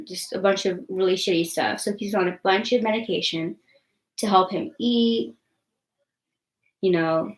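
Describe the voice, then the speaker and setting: A woman's voice: medium pitch, echoey room, poor audio. A young woman vlogger in casual live-stream chat, blunt and defiant, swearing freely and rambling with many likes and ums.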